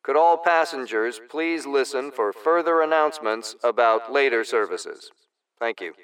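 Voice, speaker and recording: A man's voice: mid-range voice, expressive, unhurried, a bit bright, clean tone, recorded from a distance. A man playing a formal rail announcer reading a scripted public announcement. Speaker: station announcer.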